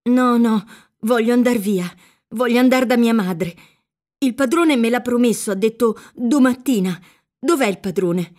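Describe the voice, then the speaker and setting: A woman's voice: a little high, big pitch swings, unhurried, warm tone, breathy edge, pitched above the performer's own voice, heavily acted. A woman voicing a frightened young female captive who speaks in a trembling, urgent way. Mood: desperate.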